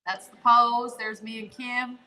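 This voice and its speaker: A woman's voice: on the high side, flat delivery, a little slow, bright, forceful tone, rough recording. A woman from Newfoundland with a Newfoundland accent, chatting casually and enthusiastically as a guest co-host. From Newfoundland, Canada. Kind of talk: casual chat.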